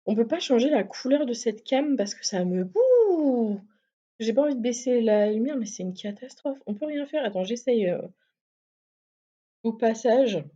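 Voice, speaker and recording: Casting: a chatty, higher-voiced woman hosting a casual gaming stream, cursing at her setup, slightly dull mic sound. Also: animated, normal speed, warm tone. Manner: chatty, swears, laughs at herself.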